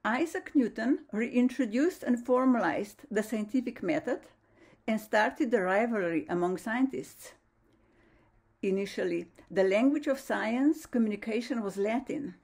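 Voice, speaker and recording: A woman's voice: a little high, animated, darkish tone, slightly rough. Slovenian woman giving a formal lecture. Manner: measured, formal, slightly non-native phrasing. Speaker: lecturer, astrophysicist. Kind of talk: prepared online science lecture.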